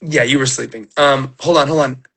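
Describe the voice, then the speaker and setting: A man's voice: medium pitch, fairly even intonation, fairly quick, a bit bright. A middle-aged man hosting a casual stream, telling rambling emotional stories full of fillers and restarts while he recovers from illness. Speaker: livestream host opening trading cards. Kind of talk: casual chat to viewers.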